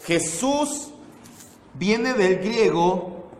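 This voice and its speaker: Male Bible teacher, slow and deliberate, higher voice, reverberant church room. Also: animated, a little hiss or hum. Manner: slow, repeats terms, calls on listeners by name. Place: church meeting room with projector. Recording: echoey hall.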